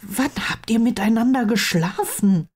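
A woman's voice: a little high, a little slow, pitched above the performer's own voice. A woman voicing an insistent blond teenage wizard boy. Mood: urging. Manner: insistent, pleading, raised lively delivery. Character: earnest blond teenage wizard boy, urging his friend. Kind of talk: audiobook reading of fan fiction.

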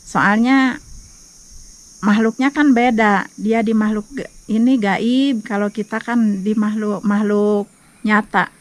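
A woman's voice: mid-range voice, fairly even intonation, slow. A woman earnestly telling a story in a casual interview outdoors. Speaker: local resident, interviewee.

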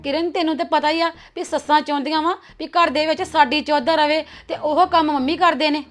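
A young actress playing a cautious, gossiping elder sister-in-law who talks in a confiding manner. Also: female voice, sits high, fairly even intonation, brisk, close to an everyday voice. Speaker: actor. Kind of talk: web series drama acting.

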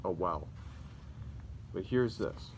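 A man's voice: sits low, animated, slow, slight background noise. A young man talking through a gas mask, rambling casually and correcting himself. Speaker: collector showing gear. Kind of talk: unscripted show-and-tell.

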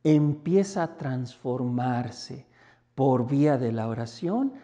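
Mexican man, priest, mid-pitched warm voice, easy conversational reflection message. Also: slow pace. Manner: conversational, acts out little everyday dialogues with lively pitch jumps. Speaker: priest and basilica rector.

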